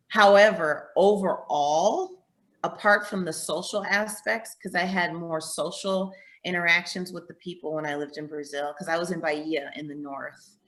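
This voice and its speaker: A woman's voice: deep voice, fairly bright tone. Reflective woman in her thirties. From United States. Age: 30s. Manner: reflective, repeats for emphasis. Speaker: guest. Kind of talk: casual interview conversation. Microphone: video call.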